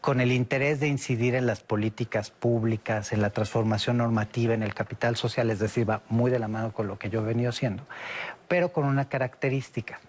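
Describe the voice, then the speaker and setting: A man in his forties who grew up in Italy, a guest in an interview, explaining at length and often pausing to search for words. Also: medium pitch, steady tone, darkish tone. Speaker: guest, director of a citizen security observatory. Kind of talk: casual interview talk.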